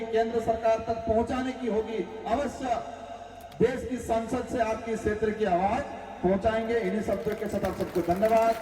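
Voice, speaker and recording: Through distant, echoey PA sound at a public gathering, a Rajasthani man with a very high, mellow voice speaks passionately at a rally. As a political leader, he fills the speech with rhetorical questions and appeals to the crowd.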